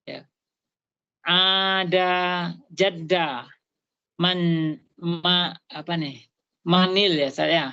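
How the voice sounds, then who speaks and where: Slow halting woman reading a lesson. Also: fairly low pitch, bright, forceful tone, dull audio. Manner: slow, halting, with many fillers and self-corrections. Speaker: student. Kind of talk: reading and translating an Arabic text aloud. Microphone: online video call.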